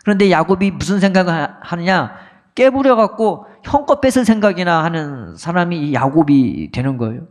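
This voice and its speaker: A middle-aged male pastor preaching a sermon, telling a story and asking rhetorical questions. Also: a little high. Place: church sanctuary.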